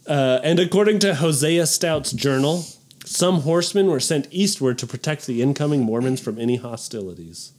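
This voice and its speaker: A man's voice: mid-range voice, lively intonation, moderate pace, a little mellow. A man hosting a casual history podcast, reading from notes and laughing with friends. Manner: reads notes, laughs often. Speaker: podcast host telling history. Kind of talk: casual comedic history chat.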